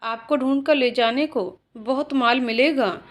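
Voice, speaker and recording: A woman's voice: sits high, a little slow. A woman voicing an eager, servile male waiter who chats to his customer. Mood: chatty. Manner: servile, chatty.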